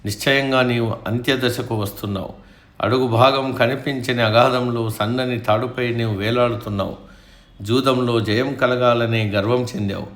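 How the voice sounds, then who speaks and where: A man's voice: medium pitch, steady tone, moderate pace, fairly bright tone, reverberant, natural voice. A man voicing a wise, pained older counselor who rebukes a prince, in a storybook reading.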